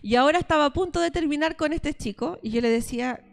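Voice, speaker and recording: A woman's voice: sits high, quick pace, vocal fry. A Chilean woman in her thirties giving a testimonial sermon, telling stories and speaking straight to her listeners as sisters. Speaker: preacher addressing a women's church group.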